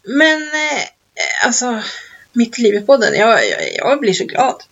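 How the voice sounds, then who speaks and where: A woman's voice: fairly high pitch, very animated, fairly bright tone, slightly rough. A woman co-hosting a podcast in casual chat, rambling through stories and laughing often. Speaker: podcast co-host. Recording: dull lo-fi recording.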